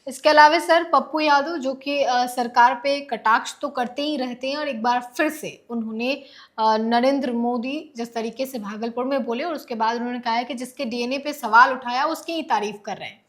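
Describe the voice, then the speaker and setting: A woman's voice: high voice, moderate pace. A woman news anchor presenting a report formally. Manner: brief affirmations, formal sign-off.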